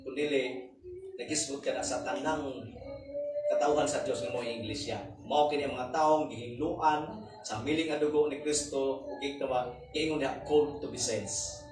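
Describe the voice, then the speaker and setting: A man's voice: medium pitch, steady tone, moderate pace, music in the background. A man with a Cebuano accent preaching a sermon, with emphatic rises and drops and English scripture quotes mixed in. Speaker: pastor. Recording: echoey hall from far off, faint background noise.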